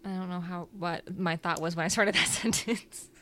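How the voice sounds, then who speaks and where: A woman's voice: lowish voice, steady tone, normal speed, fairly bright tone, soft background music. A woman co-hosting a podcast, chatting casually and rambling, laughing at her own slips. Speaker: podcast co-host. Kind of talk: casual chat.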